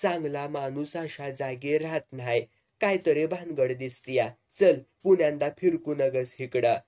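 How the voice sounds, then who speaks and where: A man's voice: fairly high pitch, a little slow, dark tone, lightly acted. A man voicing an older rustic village man who teases and scolds his young companion in earthy country speech. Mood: wary.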